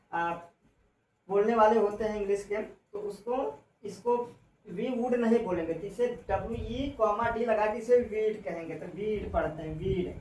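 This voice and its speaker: A woman English teacher giving a classroom lesson on contractions, spelling out letters slowly and repeating herself. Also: fairly high pitch, darkish tone, distant mic. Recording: echoey room, voice from off-mic, faint noise.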